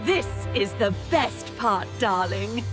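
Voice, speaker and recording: A woman's voice: medium pitch, lively intonation, takes it slowly. A woman voicing a kindly older fairy godmother who coos and soothes in a theatrical storybook manner, with music playing behind her. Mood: gentle. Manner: warm, cooing, theatrical. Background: orchestral music.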